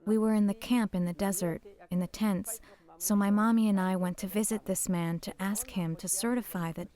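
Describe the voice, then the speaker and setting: Older woman giving halting testimony. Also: medium pitch, a little mellow. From Poland. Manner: halting, emotional, drops to whispers at painful moments. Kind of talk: personal testimony.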